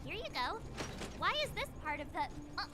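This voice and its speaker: A woman's voice: extremely high pitch, big pitch swings, a little fast. A woman voicing a cheerful, outspoken young adventurer in a game. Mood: lively. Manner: bubbly and outspoken. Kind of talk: game voice acting. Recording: game audio with music.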